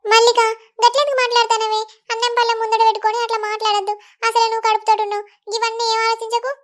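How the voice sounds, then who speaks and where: A fussing cartoon mother-in-law from a Telangana village, voiced by a woman. She speaks very high and rapidly on a narrow, flat line of pitch. She worries aloud in a Telangana Telugu accent. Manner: fretful, fussing. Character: anxious middle-aged village mother-in-law.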